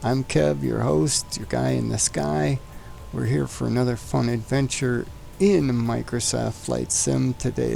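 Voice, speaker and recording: A flight sim streamer chats casually, cracking jokes and talking to the aircraft as he sets it up. His mid-range voice is warm with vocal fry, and there's slight background noise.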